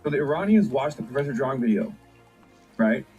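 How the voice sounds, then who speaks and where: A man's voice: mid-range voice, animated, a little fast, mellow, dull audio, faint music behind. A man streaming and reacting to news clips, talking sarcastically and in disbelief, often rambling.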